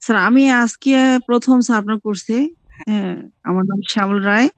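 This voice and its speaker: A man's voice: high voice, fairly quick, dry recording. A man with a Bangladeshi accent, a student politely speaking up in an online class and addressing the teacher as sir. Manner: polite, keeps saying sir.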